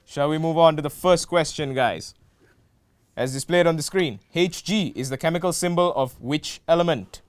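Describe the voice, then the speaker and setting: A man's voice: fairly high pitch, moderate pace, clear, resonant tone, no room sound. A young man hosting a student game show, playful with jokey asides. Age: young adult.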